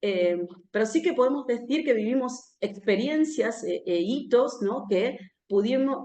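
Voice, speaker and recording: Fairly high in pitch and a little mellow, this woman from Argentina speaks with an Argentine accent at a live political talk before an audience. She keeps it conversational, often tagging phrases with a questioning "no?", amid roomy echo and slight background noise.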